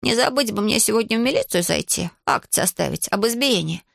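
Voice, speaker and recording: A woman's voice: medium pitch, lively intonation, fairly quick, creaky, no echo, studio quality. A woman voicing a lazy, cunning schoolboy who whines, wheedles and fakes weakness in an audiobook. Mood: sly grumbling. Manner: whiny, wheedling, feigns weakness. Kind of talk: audiobook character voice.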